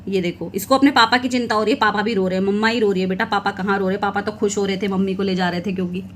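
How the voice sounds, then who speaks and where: Showing off her wedding album, a young woman vlogger talks to her audience in a relaxed, chatty manner at a middle pitch, slipping in laughs between comments. Her intonation stays fairly even, but she speaks at a racing speed, and a faint hiss runs under the audio.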